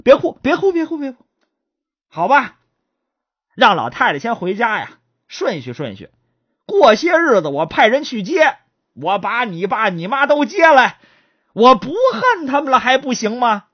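A woman doing a blustering young husband, his husky voice pleading in a rush, lively pitch leaping up and down. Dry, slightly dull recording. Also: normal speed, long pauses. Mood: flustered. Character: hot-tempered young husband, quick to curse. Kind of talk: storyteller voicing characters.

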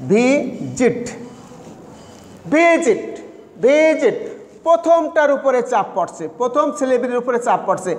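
A man teaching an English grammar lesson, explaining rules and spelling words out letter by letter. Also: very high voice. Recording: echoey room with faint noise.

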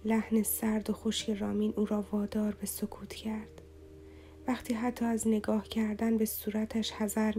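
A woman reading a romance novel aloud as an audiobook narrator in a slow, somber, even way. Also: mid-range voice.

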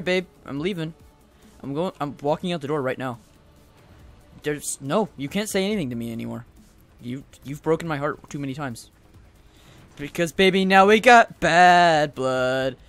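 Excitable young man rambling over gameplay. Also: a little high, vocal fry. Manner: excitable, rambling, goofy asides. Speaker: gaming video host. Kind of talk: casual let's-play commentary.

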